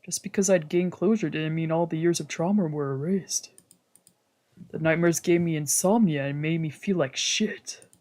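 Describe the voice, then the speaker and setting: Reading visual novel narration in a let's play, this streamer speaks at a normal speed in a mid-range, somewhat dark voice. The scripted text occasionally trips them up, prompting rereads, while the game's background music continues underneath.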